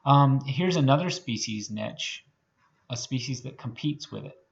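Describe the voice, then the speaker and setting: A man's voice: medium pitch, lively intonation, measured pace, vocal fry, dull audio. A man teaching a recorded biology lecture in a conversational way, with many fillers and restarts, often checking in with "okay?". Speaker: biology professor.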